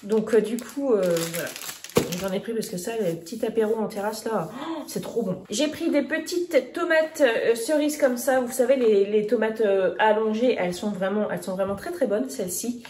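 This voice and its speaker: On the high side and a little mellow, this woman's voice moves at a normal speed as the thirty-something vlogger casually shows off her grocery haul. She uses many fillers and restarts, recorded in an echoey room with faint noise.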